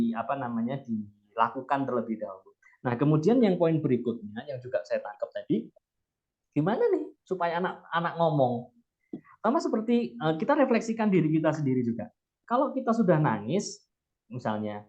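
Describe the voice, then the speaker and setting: A man's voice: a little high, darkish tone, lo-fi sound. A man giving an explanatory talk to parents in a webinar, asking rhetorical questions and often restarting his sentences. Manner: addresses listeners directly, frequent restarts and rhetorical questions.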